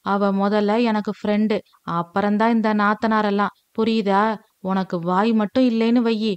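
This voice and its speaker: A woman's voice: mid-range voice, normal speed, clear, resonant tone, dry recording, close to an everyday voice. A woman voicing Indhuja, a playful teasing young wife. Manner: teasing, lively banter.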